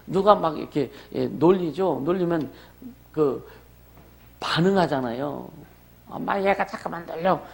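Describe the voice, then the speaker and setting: Male pastor, slightly high and gravelly, conversational sermon with rhetorical questions. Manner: conversational preaching with rhetorical questions and calls for amen.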